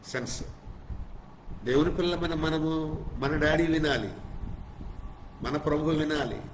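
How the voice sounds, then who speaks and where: A male pastor preaching a sermon, stacking short emphatic phrases into lists and dropping to softer, reflective passages. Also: on the high side, echoey room, a little hiss or hum, poor audio.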